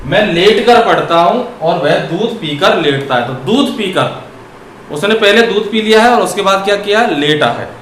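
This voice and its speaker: A man teaching grammar. He asks questions and answers them himself, and he draws words out slowly when he dictates examples. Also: high voice, animated, fairly bright tone. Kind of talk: classroom grammar lesson. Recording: echoey room with faint noise.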